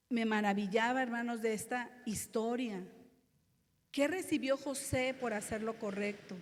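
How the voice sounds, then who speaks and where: A woman pastor delivers a sermon in a slow, deliberate cadence, her voice sitting a little high. She keeps turning to the congregation to address them and reads scripture with dramatic weight. The sound carries a long reverb from a church hall. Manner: preaching, repeatedly addressing the congregation as brothers, dramatic scripture reading.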